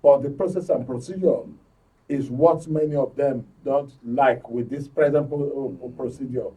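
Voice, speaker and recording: A radio and TV talk show host with a Nigerian accent leads a current affairs discussion and signs off the programme from the studio, speaking emphatically and repeating phrases for stress. His voice is medium-pitched and dark, with fairly even intonation and a moderate pace. He is far from the mic, and the recording quality is low.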